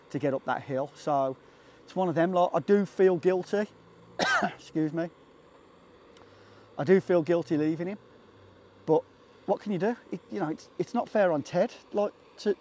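On an outdoor hiking trail, a vlogger from England chats casually to the camera, poking fun at himself and breaking off to talk to his dog. His voice is a little high, with a darkish tone.

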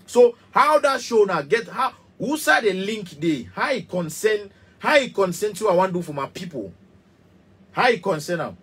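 This musician, a man in his thirties with a Cameroonian Pidgin English accent, rants passionately to camera in a small studio, repeating himself and gesturing for emphasis. His voice is high and husky with a fairly bright tone, moving through big pitch swings at a normal speed.

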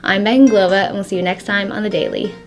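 A woman's voice: mid-range voice, quick pace, faint music behind. A young woman, a student sports news anchor, reading the desk script, tripping over words and laughing at herself. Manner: giggly, self-mocking, trips over words.

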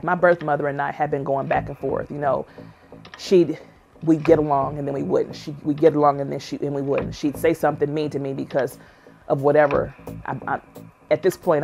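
A woman's voice: low-pitched, vocal fry, a little mellow. A woman narrating her own life story as a personal testimony, earnest and emotional in a plainspoken way. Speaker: memoir narrator.

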